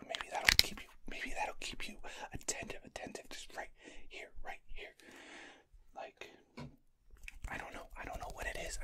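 A young man in a whispered role-play, fast aggressive ASMR, as an angry, exasperated guy repetitively demanding attention. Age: young adult.

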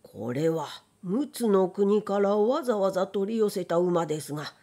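A woman voicing a troubled nobleman in a read-aloud folk tale, dropping into a lower, worried voice. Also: lively intonation, moderate pace, mellow. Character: troubled nobleman with dead horse.

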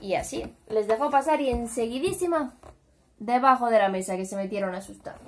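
Spanish woman, children's storyteller, animated, high voice, chatty. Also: fairly quick, slight background noise. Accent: Spanish (Spain). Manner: animated, chatty, addresses the kids.

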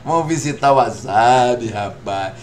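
A man's voice: medium pitch, lively intonation, moderate pace, a little hiss or hum. A Brazilian man in his fifties chatting jokily to viewers on a live game stream, repeating "rapaz" over and over. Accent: Brazilian Portuguese. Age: 50s. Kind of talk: live gameplay stream chat.

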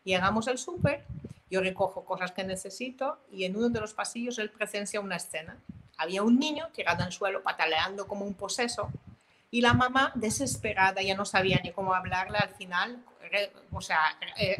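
A woman of middling pitch tells a personal story as an interview guest, her delivery animated and full of small self-corrections. She slips into quoted dialogue as she recounts the story. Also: a little hiss or hum, poor audio. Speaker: guest, mother and author.

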